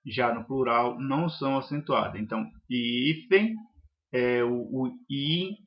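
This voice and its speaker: A man's voice: mid-range voice, unhurried, a bit bright. A man teaching a grammar lesson, listing examples one by one in a methodical way with some hesitations.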